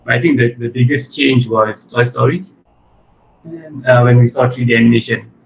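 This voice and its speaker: A gravelly-voiced man from Malaysia, the chief executive of an animation studio, chats casually as an interview guest in his Malaysian accent. He speaks at a medium pitch and a moderate pace, and the audio is muffled and lo-fi with a little noise.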